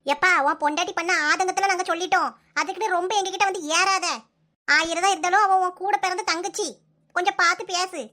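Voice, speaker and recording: A bossy, sharp-tongued cartoon mother-in-law, voiced by a woman, with a Kanyakumari accent. Her voice sits extremely high and bright, and the scolding comes out in a fast, relentless stream. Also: fairly even intonation. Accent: Kanyakumari Tamil. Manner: scolding, rapid-fire nagging. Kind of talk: comic cartoon voice acting.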